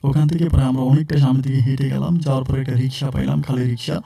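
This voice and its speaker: Gravelly, dark-voiced man telling a story. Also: medium pitch, level tone, rapid-fire. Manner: conversational, many fillers and restarts. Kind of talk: first-person real-life story narration.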